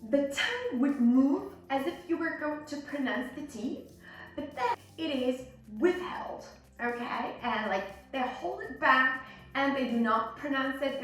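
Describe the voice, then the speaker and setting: Woman, high voice, slow careful pace, pronunciation teacher, demonstrates sounds, distant echoey recording. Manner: demonstrates words and sounds, checks understanding with short questions. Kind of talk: instructional lesson on American English sounds. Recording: very roomy echo, distant mic, faint music.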